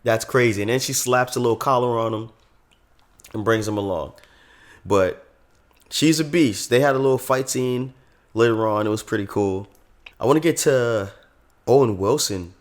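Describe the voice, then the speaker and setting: A man's voice: medium pitch, normal speed, long pauses. A man casually reviewing a show episode, chatty and full of enthusiasm. He talks in a loose, slangy way, circling back to his points as he goes.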